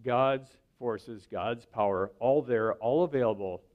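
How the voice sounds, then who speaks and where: A man preaching at an everyday mid pitch, talking to his listeners as if in conversation and often pausing to ask "right?". His delivery is relaxed but earnest. The recording sounds a little dull and muffled. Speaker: pastor. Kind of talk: sermon.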